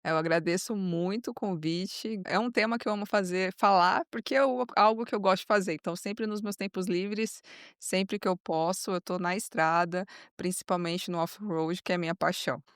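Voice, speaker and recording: A woman in her thirties from Brazil, with a São Paulo coast accent, speaking slowly and clearly as an interview guest. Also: fairly low pitch, steady tone, dry recording, clean studio sound. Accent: São Paulo coast Brazilian Portuguese. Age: 30s. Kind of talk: casual interview.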